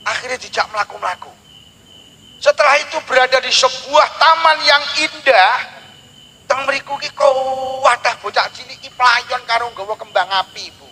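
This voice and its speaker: A man's voice: extremely high pitch, slight background noise, rough recording. A man from Java, preaching a humorous sermon and telling stories dramatically. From Blitar, East Java, Indonesia. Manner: animated, dramatic storytelling with sudden slow, drawn-out lines. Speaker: Islamic preacher.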